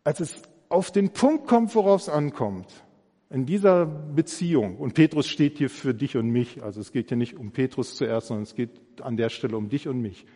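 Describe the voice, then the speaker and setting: A man's voice: mid-range voice, moderate pace, dark tone. A man preaching an earnest, reflective sermon, acting out imagined dialogue with emphasis. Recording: long hall reverb.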